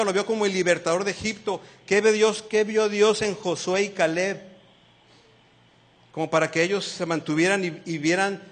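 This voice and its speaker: A man preaching a sermon, acting out the lines he quotes and asking the congregation questions. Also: high-pitched. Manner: animated, asks the congregation questions; acts out quoted lines in shifting voices.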